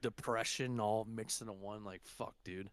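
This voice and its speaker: Young man, casual podcast chat, rambling, swears a lot, smooth voice, dry sound. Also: lowish voice, fairly even intonation, moderate pace, dry recording. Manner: rambling, profane, lots of fillers. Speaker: podcast co-host.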